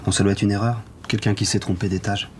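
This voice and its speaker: Casting: actor playing a cold, curt man with a low voice, irritated by an unwanted visitor. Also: flat delivery, fast talker, slight background noise, natural voice. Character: curt man in his apartment, irritated by an intruder. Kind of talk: film dialogue.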